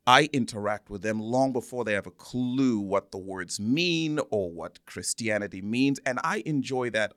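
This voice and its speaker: A man from Zambia, a church minister appearing as an interview guest, shares personal stories earnestly and repeats words for emphasis. His voice sits on the low side and is a bit bright. The recording is dry and studio quality.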